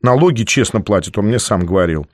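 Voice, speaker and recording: A man's voice: on the low side, animated, brisk, no room sound, studio quality. A man reading a novel aloud, voicing a nineteen-year-old female student who answers in curt, sulky, defensive retorts.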